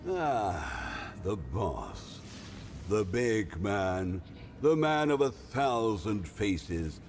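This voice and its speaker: A man's voice: on the low side, very animated, extremely slow, soft background music, full character voice. An actor voicing a shady, grandiose rumour-monger in a video game, knowing and dramatic in his storytelling. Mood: conspiratorial, dramatic. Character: shady, grandiose male underworld informant spinning rumours. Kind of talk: video game character dialogue.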